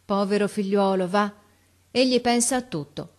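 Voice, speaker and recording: A woman voicing a gentle, sick mother lying in bed, speaking softly and kindly in an audiobook reading. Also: mid-range voice, moderate pace, pitched above the performer's own voice, close to an everyday voice. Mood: tender.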